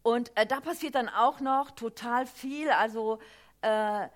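Woman giving a sermon, tells the bible story all animated and emphatic, voice a bit on the high side. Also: a little slow. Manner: lively, emphatic storytelling with many fillers. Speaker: preacher.

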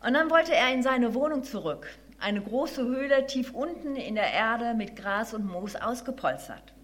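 A woman reading a children's story aloud with gentle expression and then drawing a short devotional lesson from it. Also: fairly high pitch, lively intonation, a little slow.

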